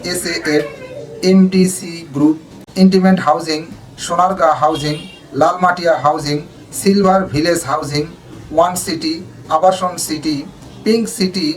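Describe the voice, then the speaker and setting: A man narrating for an online news channel, reading out a long list of names in a steady flow, with a Bangladeshi Bengali accent. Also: fairly high pitch, rough recording.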